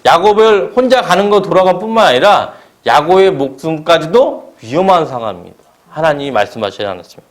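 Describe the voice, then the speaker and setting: Lively Korean male preacher. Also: on the high side. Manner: asks the congregation question-and-answer pairs. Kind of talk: sermon. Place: church service.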